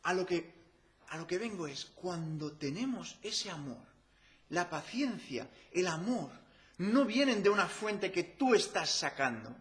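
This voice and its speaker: Spanish guy preaching in church, chatty, asks the crowd stuff, high animated voice. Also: unhurried. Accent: Spanish from Spain. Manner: lively, conversational preaching with rhetorical questions to the congregation. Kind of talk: sermon.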